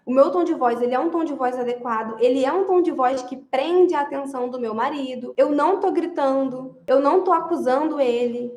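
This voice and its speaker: A woman's voice: sits high, fairly quick, hardly any pauses, a little mellow, echoey room. A woman giving marriage advice straight to her listeners, emphatic and repetitive, often leaning on a phrase again and again. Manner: emphatic, repeats phrases, addresses listeners directly. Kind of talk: advice talk to women.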